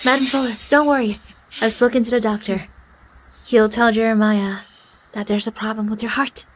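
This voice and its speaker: A woman's voice: fairly high pitch, fairly even intonation, normal speed, slight background noise, natural voice, low-quality recording. An actress playing a manipulative young woman, scheming and pleading in a clingy way. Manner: pleading, whiny when spurned. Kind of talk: dubbed drama acting.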